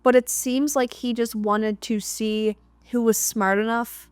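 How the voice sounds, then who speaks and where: A woman's voice: fairly high pitch, steady tone, a little slow, clear, resonant tone, no room sound. A woman recapping and reviewing a film in a casual, conversational way, stressing her points by repeating them. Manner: conversational, emphatic, repeats key phrases. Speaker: movie reviewer.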